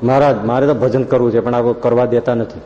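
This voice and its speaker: A man's voice: steady tone, fast, natural voice. A man voicing a humble repentant ex-bandit. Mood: earnest. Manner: humble, pleading, lower and softer than narration. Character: repentant former bandit, grown man, devout. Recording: reverberant hall, dull lo-fi sound.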